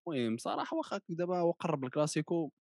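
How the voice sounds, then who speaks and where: A man's voice: a little high, lively intonation, very fast, darkish tone, no room sound, clean studio sound. A man with a Moroccan Arabic accent chatting casually about football, mixing in French words and repeating his phrases. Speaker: football pundit.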